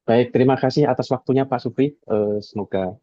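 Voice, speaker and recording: A man trainee practicing a polite sales phone call, halting with many hesitations. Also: medium pitch, no echo.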